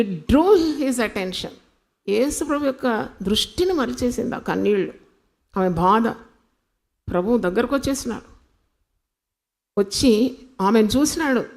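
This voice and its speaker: A woman preaching a sermon in a call-and-response style, asking the congregation questions and swinging between loud and soft delivery, with phrases. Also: a little high.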